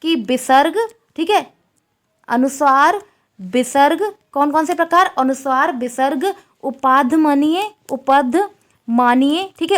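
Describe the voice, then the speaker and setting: A woman's voice: high voice, a bit bright. A woman teaching a Sanskrit exam-prep lecture, asking questions and repeating the answers.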